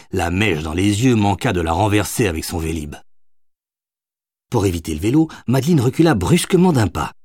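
A man with a husky voice narrating an audiobook in an expressive storytelling manner. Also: fairly low pitch, dry recording, studio quality.

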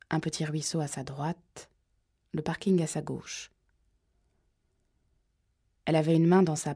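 A woman reading a thriller audiobook in a measured, suspenseful way. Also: low-pitched, dark tone, slightly rough. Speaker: audiobook narrator. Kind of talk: scripted narration.

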